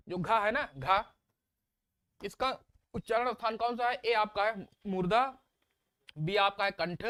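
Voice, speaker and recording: A man's voice: sits high, fairly bright tone, clean tone, no echo. A man teaching an online exam-prep class, repeating letter sounds aloud and asking students coaxing questions.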